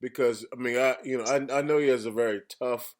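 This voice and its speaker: A man's voice: mid-range voice, fairly even intonation, quick pace. A man interviewing in a casual chat, rambling and slangy, often repeating his openers before he gets to the question.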